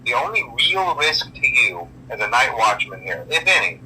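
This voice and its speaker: A man's voice: medium pitch, sing-song, moderate pace, pushed and bright, a little hiss or hum, low-quality recording. An actor playing a chatty male night-shift trainer who leaves a recorded phone message, rambling offhandedly with plenty of uh and um. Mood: offhand. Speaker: recorded guide in a horror game.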